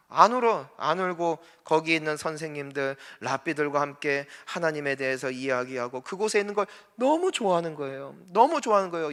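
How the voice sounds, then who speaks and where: A man preaching a sermon with a bright, forceful voice pitched a little high. He keeps asking his congregation questions, in earnest. His voice rings with the long reverb of a church hall. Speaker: senior pastor. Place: church sanctuary.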